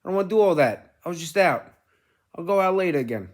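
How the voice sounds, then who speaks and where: A middle-aged man, rambling casually as a vlog host, telling things in an animated way with casual swearing. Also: high-pitched, fast. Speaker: gaming streamer and host.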